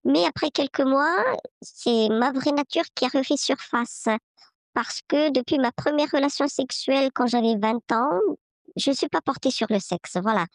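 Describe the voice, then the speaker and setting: A woman in her fifties, her voice altered by a voice changer, leaving a measured, hesitant listener message. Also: no echo. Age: 50s. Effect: voice changer, pitch-shifted disguised voice.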